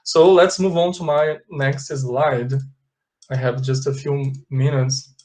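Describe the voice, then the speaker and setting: A Brazilian man teaching English, explaining step by step and slowing down to stress English example sentences. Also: medium pitch, fairly even intonation, a little mellow. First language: Portuguese. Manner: explains step by step, checks in with "ok?" and "tá bom?". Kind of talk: classroom lesson with slides, switching between Portuguese and English.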